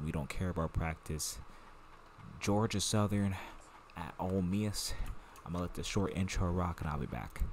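A man's voice: low voice, a little hiss or hum. A young man giving laid-back, slangy commentary while playing a football video game. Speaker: gaming channel host. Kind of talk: casual gameplay commentary.

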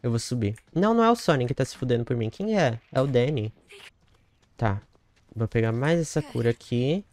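A man streaming a horror game, commenting as he plays, muttering one moment and shouting shrilly the next, swearing often. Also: expressive, a little fast. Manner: profane, swings from muttering to shrill yelling. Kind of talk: live gameplay commentary.

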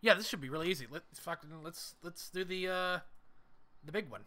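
A man's voice: sits high, a little fast, bright, forceful tone. A young man hosting a gaming channel, giving casual let's-play commentary and reading menu items aloud as he plays. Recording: game vehicle noise behind.

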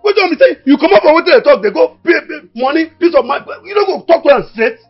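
A man with a Nigerian accent playing a short-tempered mechanic who is secretly a prince, arguing in quick retorts. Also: very high voice, expressive. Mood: exasperated. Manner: argumentative, rapid retorts. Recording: dull film audio with music.

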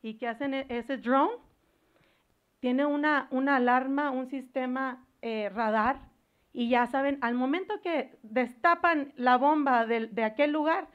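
High-voiced fervent woman preacher. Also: smooth, muffled recording. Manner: fervent preaching, swelling into loud exhortation; searches for words aloud, slips into English words. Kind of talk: sermon.

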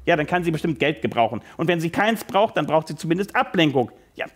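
Man playing a gruff, bossy theatre director. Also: a little high, big pitch swings, fast. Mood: commanding. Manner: gruff, barking, impatient.

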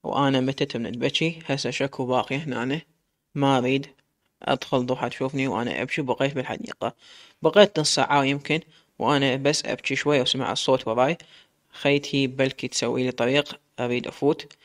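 A man's voice: medium pitch, fairly even intonation, fast talker. A man with an Iraqi accent narrating a story in the first person, from a woman's viewpoint. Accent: Iraqi Arabic.

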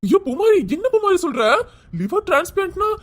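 A concerned young male friend anxiously urges and consoles, as a woman acts him out. The cartoon voice is high and animated. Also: fairly quick, heavy background noise. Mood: worried. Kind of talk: cartoon serial voice acting.

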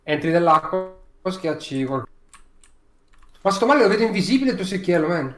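A man's voice: high voice, sing-song, brisk, over music. A man playing a co-op game with a friend, talking in a laid-back, dry and teasing way. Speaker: co-op gaming partner. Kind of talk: casual gaming chat. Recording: roomy echo.

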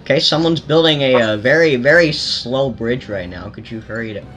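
A man hosting a gaming channel, giving casual commentary while playing, excitable and yelping in fights. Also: medium pitch, fairly quick, faint music behind. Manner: excitable, yelps during fights.

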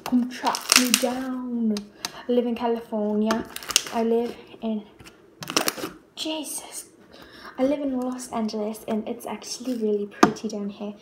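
A teenage girl from Australia vlogs casually to camera in a question-and-answer chat, speaking in a high-ish, steady voice at a moderate pace with long pauses; she's hesitant and rambling, often repeating herself. She's in a small bare-walled room at home, and the recording sounds roomy, with loud background noise and clicks.

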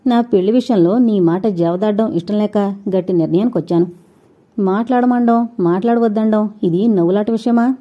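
A woman's voice: mid-range voice, brisk, close to an everyday voice. A woman voicing a brash, scornful young man who talks in a taunting, insistent way. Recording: dull lo-fi recording.

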